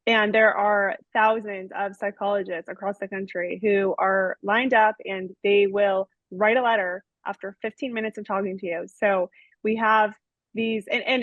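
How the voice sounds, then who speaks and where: A woman of medium pitch interviews a guest in a conversational exchange, firing pointed questions with emphatic incredulity. The audio is dry, dull and lo-fi.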